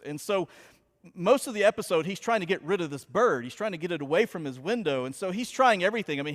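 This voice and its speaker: Storytelling pastor in a reverberant church. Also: male voice, a little high. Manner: chatty storytelling, animated retelling. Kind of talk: sermon. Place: church sanctuary. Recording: long hall reverb.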